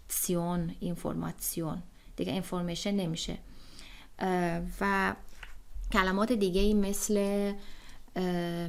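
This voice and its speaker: Woman, German teacher, online lesson, patient and methodical, hesitant fillers, mid-pitched. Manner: patient, explains step by step with many fillers.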